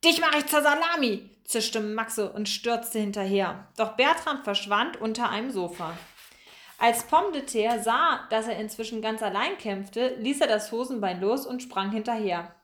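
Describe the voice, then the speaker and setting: A woman narrating a children's storybook aloud with lively, expressive reading. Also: on the high side, a little slow. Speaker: audiobook reader. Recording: echoey room.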